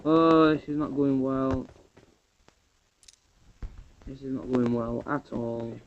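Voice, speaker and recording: A man giving chatty, excitable gameplay commentary to his viewers. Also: medium pitch, slow pace, narrow, tinny audio, a little hiss or hum. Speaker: gamer.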